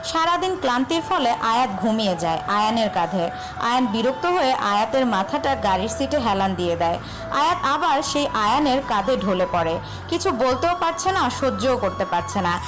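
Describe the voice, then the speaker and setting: A woman narrating a romantic story in an expressive storytelling manner. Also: fairly high pitch, normal speed. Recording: soft background music bed. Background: background music.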